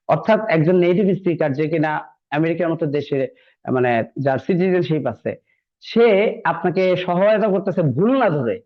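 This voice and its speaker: A man teaching an English class in a chatty, encouraging way, often repeating himself. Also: on the high side. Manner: conversational, encouraging, repeats phrases. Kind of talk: classroom lecture. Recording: dull lo-fi recording.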